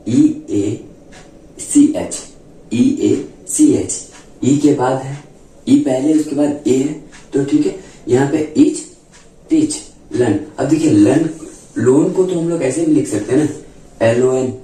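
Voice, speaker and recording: A male teacher gives a classroom-style grammar lesson, repeating his points and slowing down to spell out letters one by one. His voice is very dark and mellow. It is recorded from a distance and bounces around a strongly echoey room. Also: mid-range voice. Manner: repeats points, frequent "ठीक है" and "क्या बोले" checks. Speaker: English teacher.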